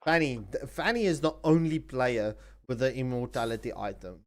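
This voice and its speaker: A man giving live esports commentary in an animated, chatty way, repeating himself for emphasis. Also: medium pitch, normal speed. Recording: noisy stream mic with clicks.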